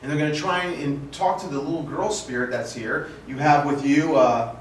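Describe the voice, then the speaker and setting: A man's voice: a little high, steady tone, moderate pace, recorded from a distance. A man hosting a paranormal investigation, casually explaining the plan on location. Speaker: paranormal investigator, team host. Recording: echoey, off-mic, faint background noise.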